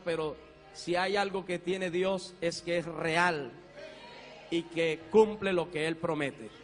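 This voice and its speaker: A fervent male pastor tells his testimony in a high, bright voice. He laughs easily and keeps adding amens and praises. His voice rings through a reverberant church hall over soft music.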